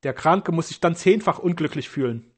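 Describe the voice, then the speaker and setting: A man's voice: fairly high pitch, lively intonation, moderate pace, breathy edge. A man reading an audiobook voices a scornful young nobleman who speaks in a sneering, mocking way.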